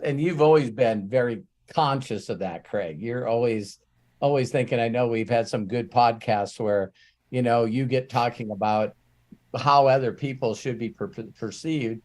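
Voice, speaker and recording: A man's voice: mid-range voice, moderate pace, a little mellow. A man hosting an interview podcast in casual chat, effusive and affirming, and laughing easily. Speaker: podcast host.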